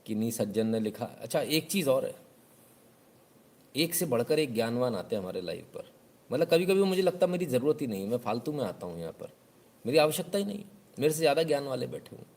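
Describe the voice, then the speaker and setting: A man's voice: mid-range voice, animated, fast talker, gravelly, darkish tone. A man, hosting a live news show in casual, sarcastic commentary. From Uttar Pradesh, India. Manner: sarcastic, mocking.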